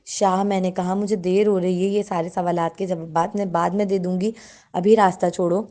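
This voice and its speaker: Woman reading a quick-tempered young reporter. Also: fairly low pitch, little pitch movement, dark tone, close to an everyday voice. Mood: irritated.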